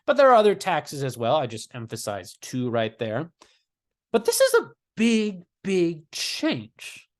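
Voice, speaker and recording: A male history teacher talks through a lesson in a loose, conversational way. His pitch swings up and down a lot as he explains, and he drops the odd dry, sarcastic aside. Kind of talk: casual video lecture.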